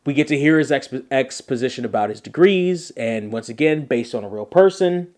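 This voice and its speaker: Male podcast host, energetic and chatty, gushing episode recap. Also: mid-range voice, fairly quick. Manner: enthusiastic, animated, repeats phrases for emphasis.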